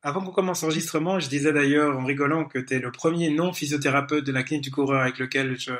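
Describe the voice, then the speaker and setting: A man's voice: fairly high pitch, fast talker, fairly bright tone. A man hosting a podcast interview, chatting in a friendly, joking way and asking questions. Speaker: podcast host. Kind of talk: casual interview chat.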